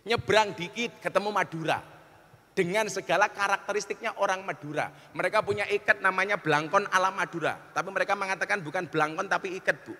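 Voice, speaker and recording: A man gives a joking public sermon in a big hall, his high and bright voice ringing with long reverb. He swings between loud, rising emphasis and quiet, low asides. He keeps turning to the audience as Pak and Bu. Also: fairly quick. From Indonesia. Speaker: Islamic preacher. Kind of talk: public lecture with jokes. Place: large auditorium.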